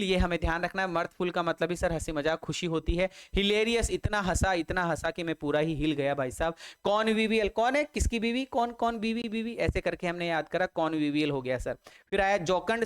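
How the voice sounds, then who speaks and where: A man's voice: high-pitched, fairly quick, clean tone. A man teaching English vocabulary online for exam prep, repeating words and spelling them out letter by letter, with jokey memory tricks and calls to his students. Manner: repetitive, drills spellings letter by letter.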